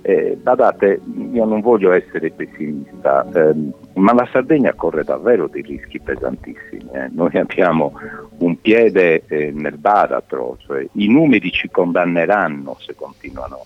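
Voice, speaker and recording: A man's voice: sits low, expressive, measured pace. A middle-aged man, a mayor, speaking earnestly over a landline phone in a live radio interview, with frequent hesitations and restarts. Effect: heard over a landline phone. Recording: dull lo-fi phone line.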